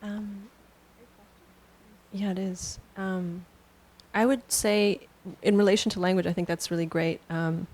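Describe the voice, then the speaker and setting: A woman from Canada answering an audience question at a book launch, thoughtful and halting. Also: mid-range voice, fairly even intonation. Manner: thoughtful, soft-spoken, halting. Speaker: author on a panel. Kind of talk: panel answer at a book reading.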